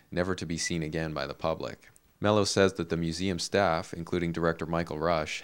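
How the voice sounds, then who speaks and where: A man reading a scripted local news report in a measured, even delivery. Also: rumbling low.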